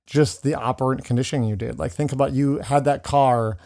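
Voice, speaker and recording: A man's voice: medium pitch, steady tone, fairly quick, vocal fry, a little mellow. A man co-hosting a podcast, asking skeptical questions in casual chat. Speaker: podcast co-host.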